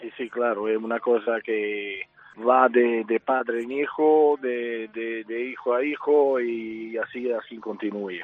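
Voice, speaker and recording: A Spanish man raised in Italy, speaking with an Italian accent as a circus manager interviewed by phone, halting and repeating words. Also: medium pitch, fairly even intonation, dry recording. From Spain, raised in Italy. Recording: dry tinny phone line.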